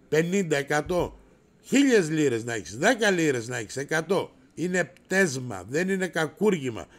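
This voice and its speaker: A middle-aged man hosting a casual livestream, brash and rowdy, swearing and raising his voice as he answers viewers. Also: high voice. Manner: raises his voice to shout.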